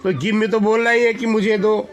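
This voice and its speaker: A male schoolteacher leading a classroom speaking lesson for young children, slowly repeating each phrase and quizzing the class. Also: sits high, steady tone, a crowd in the background. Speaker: school teacher.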